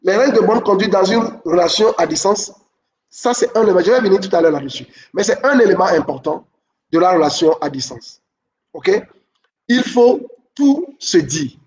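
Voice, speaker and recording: High-voiced man giving repetitive advice. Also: brisk, darkish tone, recorded from a distance. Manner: repeats key points, checks in with "ok?". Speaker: relationship advice speaker. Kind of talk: advice talk to camera.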